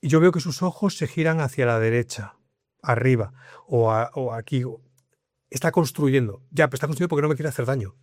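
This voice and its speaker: A man explains things in a lively, conversational way, often repeating his point. He speaks at a middling pitch into a dry, close microphone with no room sound. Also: brisk, no echo. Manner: explanatory, lively, leans on repetition. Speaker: guest, communication coach. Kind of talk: conversational interview.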